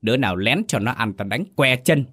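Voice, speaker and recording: A man's voice: mid-range voice, animated, brisk, no echo, studio quality, pitched above the performer's own voice. A man voicing a furious, humiliated old father who hurls insults and orders at his household. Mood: raging. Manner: raging, shouting insults. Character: furious older father, proud and violent.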